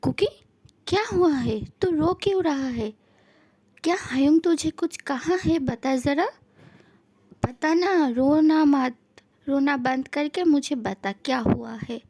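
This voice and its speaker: Woman voicing strict young man, firm scolding manner, high voice, slow measured talk. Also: a little mellow. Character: stern young man, strict but caring friend. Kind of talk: fan-fiction voice acting.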